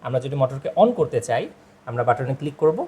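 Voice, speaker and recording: A man with a mid-range, dark-toned voice talks fast as he narrates a product demonstration, walking viewers through each step and speaking to them directly. He's a product presenter, and the recording carries clear background noise and ambient sound.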